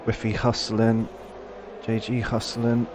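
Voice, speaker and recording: A man doing excitable live play-by-play of a sim race with quick reactions to the action. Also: on the low side. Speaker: race co-commentator. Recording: stream audio with clear background noise.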